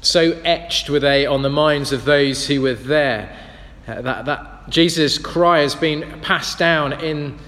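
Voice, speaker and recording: A man's voice: fairly high pitch, slow pace, fairly bright tone. A man preaching a sermon, earnest and reflective as he tells stories. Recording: long reverb of a large hall.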